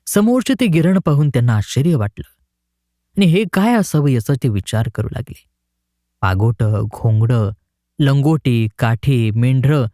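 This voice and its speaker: A man narrating a short story in an expressive storytelling manner. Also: medium pitch, no echo, studio quality.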